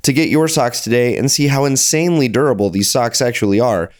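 A man reading a scripted product ad in an upbeat sales pitch. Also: a little fast. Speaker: ad reader. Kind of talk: scripted ad read.

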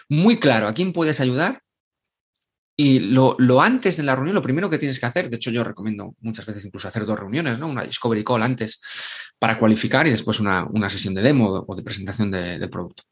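A man answers in an interview, his husky voice swinging widely up and down. He talks emphatically, slipping into quick acted-out lines of clients and doctors. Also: mid-range voice, a bit bright. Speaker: guest, sales and LinkedIn growth expert. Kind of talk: animated podcast interview answer.

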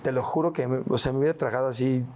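A man's voice: medium pitch, steady tone, very fast, darkish tone. A man with a Mexican accent, a guest in an interview, telling his story in casual, slangy speech and often tagging his lines with "¿no?" and "güey".

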